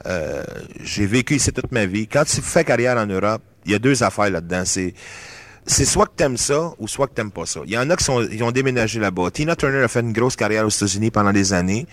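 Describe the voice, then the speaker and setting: A man's voice: fairly low pitch, lively intonation, fairly quick, no room sound. A Canadian singer with a Québécois accent, talking in a loose, rambling way and slipping English phrases into his French during an interview. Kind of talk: casual interview talk.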